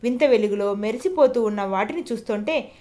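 A woman narrating an audio novel in a measured, descriptive storytelling manner. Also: a little high, a little mellow.

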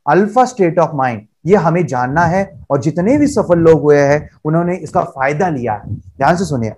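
Energetic male trainer, fairly high voice, drives each point home by repeating it. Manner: emphatic, repeats phrases and affirmations, pleads with listeners. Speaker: motivational trainer. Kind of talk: energetic workshop lecture. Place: seminar room with a seated audience.

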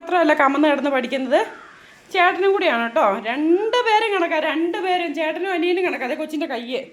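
A high-pitched woman in her thirties talks in a chatty, doting way, drifting into slow teasing asides. She is a mother filming a casual family vlog at home. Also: lively intonation.

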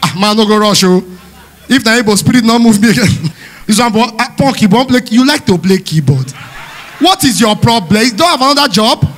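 A man from Delta State with a Nigerian Pidgin accent, doing loud, playful live stand-up at a church event. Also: sits high, lively intonation, fairly quick. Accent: Nigerian Pidgin English. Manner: loud, playful, teasing the crowd, often shouting and laughing. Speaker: stand-up comedian. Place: church hall stage.

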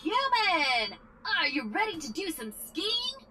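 Give me a chirpy cheerful robot guide, high and bouncy. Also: female voice, sing-song, slow pace, very noisy, full character voice. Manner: bubbly surfer-style enthusiasm. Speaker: game robot host character.

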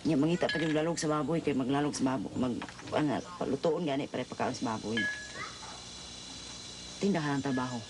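Filipino woman, halting rambling talk, tape hiss. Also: extremely low pitch. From Philippines. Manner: rambling, halting speech with many fillers. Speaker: co-op member. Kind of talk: documentary interview.

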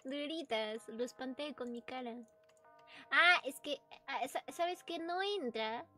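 A woman chats casually through a let's-play of a horror game, jumpy and talkative, letting out screams and nervous laughter. Her voice sits high and sounds bright and pushed, and she takes her time. Faint music plays in the background.

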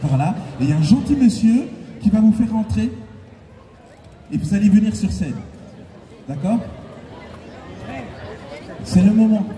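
A singer and concert host with a high, expressive voice teases and hypes a convention crowd from a big indoor hall stage, laughing often and urging them on. He speaks at a measured pace with long pauses. His handheld mic is heard through an echoey PA, filmed from far back in the audience over loud cheering.

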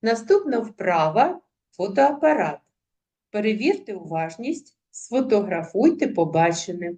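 A woman teacher giving a recorded lesson, speaking deliberately and spelling out word sounds one by one. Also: mid-range voice, big pitch swings, mellow. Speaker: primary school teacher.

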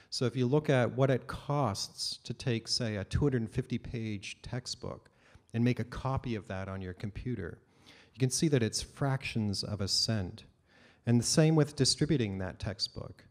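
A middle-aged man delivers a keynote from a large auditorium stage, speaking into a handheld microphone. His voice sits at an ordinary mid-range pitch, and he explains his points in a measured, steady way, with the odd "um" and "uh". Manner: measured, explanatory, with occasional fillers. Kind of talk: conference keynote talk.

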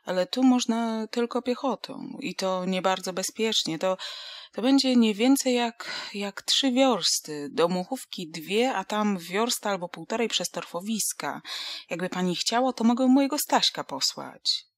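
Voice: medium pitch, animated, unhurried, no room sound, studio quality. Woman reading as a plain-spoken village farmer. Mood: helpful.

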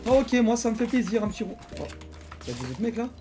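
A young man commenting his own gameplay, excitable and slangy, taunting the players he fights. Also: very high voice, fast talker, heavy background noise. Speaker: gaming YouTuber. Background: game music and gunfire.

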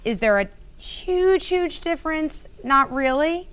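A woman's voice: sits high, expressive, slow, fairly bright tone. A woman, a dietitian co-hosting a cooking show, talking in a chatty, informative way. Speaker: dietitian co-host. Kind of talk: live cooking show chat.

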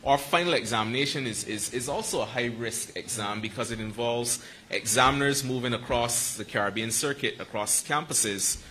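A man answering questions at a press conference about quarantine and screening, explaining with quick asides. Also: mid-range voice, pushed and bright, a little hiss or hum, rough recording. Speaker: medical school panelist.

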